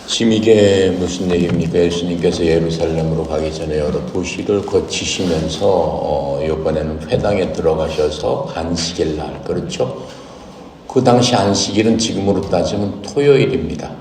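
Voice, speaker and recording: Deep-voiced man preaching in an echoey hall. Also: normal speed, darkish tone, distant mic, slight background noise. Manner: asks the congregation questions, explanatory teaching. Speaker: pastor. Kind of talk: Bible reading and sermon.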